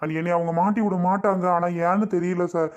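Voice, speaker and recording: A man's voice: high voice, fairly even intonation, fairly quick, lightly acted. A man voicing a repentant jailed husband in a cartoon, pleading over and over. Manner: begging, repeats sir again and again.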